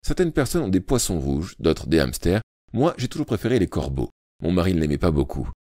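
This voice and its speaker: A man's voice: low-pitched, big pitch swings, a little fast, mellow, no echo, clean studio sound. A man voicing a bossy, chatty older female school matron who rolls her Rs. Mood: fussing chatty.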